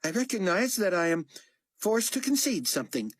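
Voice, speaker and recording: A man's voice: high-pitched, big pitch swings, moderate pace, no room sound, studio quality, voice pushed up. A man putting on a seething, imperious tyrant. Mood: grudging. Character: imperious male world ruler, seething and threatening.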